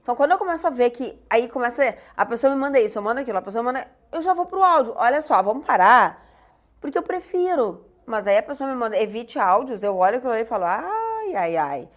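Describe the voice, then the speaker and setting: Woman host, animated and self-mocking, a bit high-pitched. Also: very fast, few pauses. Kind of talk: casual podcast chat.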